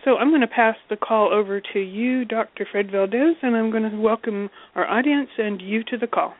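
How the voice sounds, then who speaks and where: A woman's voice: on the high side, moderate pace. A woman hosting a call-in radio show, steadily reading through her introduction of the guest. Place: Alberta. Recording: dry tinny phone line.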